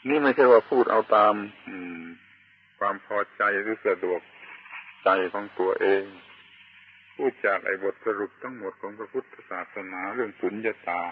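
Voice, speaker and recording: Low-voiced man giving a slow sermon. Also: dull audio, a little hiss or hum. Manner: slow and deliberate, with long pauses and emphatic chanted words. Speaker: Buddhist preacher. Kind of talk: Dharma sermon.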